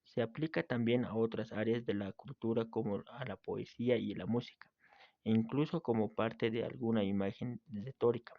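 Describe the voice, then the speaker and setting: A man reading a grammar lesson aloud in a steady way, with small slips and restarts. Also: on the low side, moderate pace, gravelly. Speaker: teacher. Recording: dry, slightly dull home recording.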